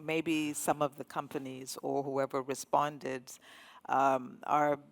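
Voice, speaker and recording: A woman's voice: extremely low pitch, level tone, slow, gravelly. Earnest woman speaking on a panel. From Zambia. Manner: earnest, searching for words. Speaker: diplomat on a panel. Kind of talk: panel discussion.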